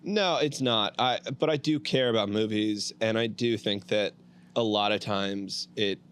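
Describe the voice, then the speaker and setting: Male co-host, lowish voice, relaxed slangy chat. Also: a little slow, smooth. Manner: laid-back, lots of "dude" and "like". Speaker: guest co-host, producer. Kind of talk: casual chat.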